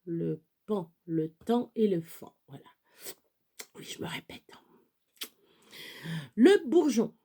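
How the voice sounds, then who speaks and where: A woman reads children's picture-dictionary entries aloud and spells each word out letter by letter. Her voice is soft and mellow, and she talks slowly and casually, dropping in chatty asides. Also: lowish voice, creaky. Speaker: children's storyteller.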